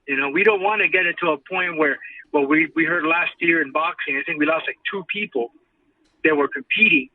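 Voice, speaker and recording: Over a thin, phone-like line, a high-voiced man talks as a guest on a sports show. He explains his opinions earnestly and conversationally, sounding away from the mic. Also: a little fast, no room sound. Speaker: guest, ring announcer. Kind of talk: casual sports talk interview. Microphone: remote call. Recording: tinny, distant phone-like line.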